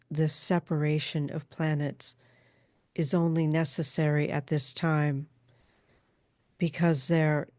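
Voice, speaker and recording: A woman trance channeling a calm female spirit like a seance medium, speaking in formal, halting, measured pronouncements. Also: sits low, dry recording, clean studio sound.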